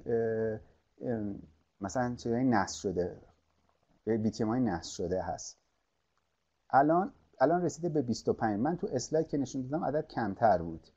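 A man teaching an online course, talking through a screen-share tutorial with many pauses and restarts as he clicks through a website. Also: mid-range voice, mellow, muffled recording. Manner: hesitant, many fillers and restarts, thinking aloud while clicking.

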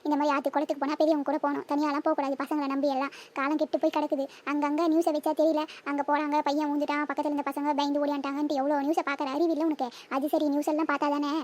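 Voice actor doing a scolding cartoon village mother. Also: high-pitched. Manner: scolding, lecturing. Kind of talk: cartoon voice acting.

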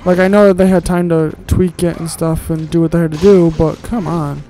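A man's voice: on the high side, steady tone, a little fast, dark tone, faint music behind, low-quality recording. A man giving casual, grumbling let's-play commentary while he plays, with sarcastic asides and casual swearing.

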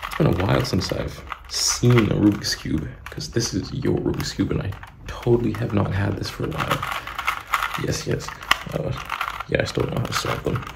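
A young man doing fast ASMR, a whispered role-play in a murmured, casual, repetitive way, close to the mic. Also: on the low side, gravelly. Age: young adult. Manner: murmured, casual, repeating phrases. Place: small room indoors. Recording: noisy close-up recording with clicking, tapping.

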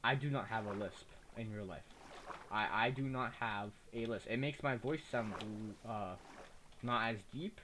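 A young gaming YouTuber with a slight lisp rambles through a let's play, chatty and easily distracted. His voice is unhurried, bright and forceful. He records on a cheap desktop mic, so the audio is low quality with faint noise.

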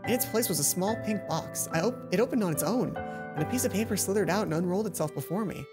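Game music runs under this let's play, where a young adult host reads visual novel narration and jumps in with dramatic reactions of his own. He speaks fast in a high voice.

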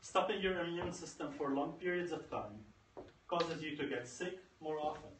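In an echoey conference room, a man in his thirties delivers a motivational tech-conference talk, his slightly high, fairly bright voice moving at normal speed. He is emphatic and repeats phrases for effect, picked up by a far-off camera with faint background noise.

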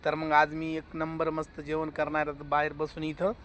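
A man's voice: on the high side, completely flat delivery, normal speed, fairly bright tone, slight background noise. A man vlogging casually outdoors in a village yard, chatting to viewers and coaxing his animals. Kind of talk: casual village vlog chat.

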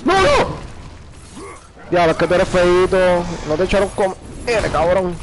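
Un jugador con acento boricua que comenta en voz algo alta, con tono relajado y bruto y muchas palabrotas, mientras se oye un leve ruido ambiental. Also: male voice, high voice, normal speed, background noise. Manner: crude, excitable, swears constantly, laughs. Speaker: gamer. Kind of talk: casual gameplay commentary.

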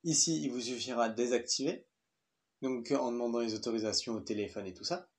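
A young tech reviewer with a medium-pitched voice talks fairly quickly through a smartwatch review in a casual vlog. He's chatty and loose, using fillers and the occasional swear word.

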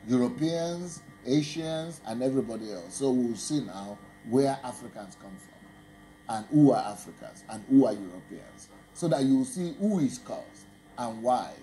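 Male pastor, deliberate and slow, drills his congregation with pointed questions. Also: medium pitch, lively intonation, warm tone, a little hiss or hum. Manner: quizzing, emphatic, laughs when making a point. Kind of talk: teaching sermon.

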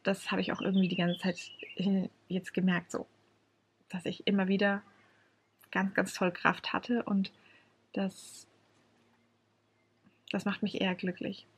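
A woman talking casually to her viewers in a vlog, chatty and reflective, often pausing on hesitation fillers. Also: mid-range voice, monotone, husky. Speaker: vlogger. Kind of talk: casual vlog talk to camera.

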